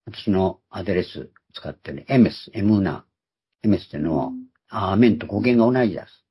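A man preaches a Bible lesson in a husky, breathy voice that sits fairly low. His pitch swings widely as he stresses and repeats the key words. The recording sounds dull and lo-fi. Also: animated, a little fast. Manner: explains term by term, repeating key words for emphasis. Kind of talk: Bible teaching sermon.

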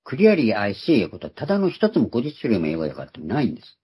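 Husky-voiced man preaching, lively pitch. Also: rapid-fire. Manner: explains term by term, repeating key words for emphasis. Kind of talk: Bible teaching sermon. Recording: dull lo-fi recording.

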